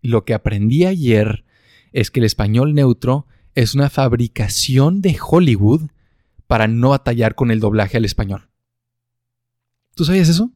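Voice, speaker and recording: A man's voice: medium pitch, animated, normal speed, a little mellow, no echo, clean studio sound. A man with a Mexican accent, co-hosting a casual chat and joking with slang. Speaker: co-host.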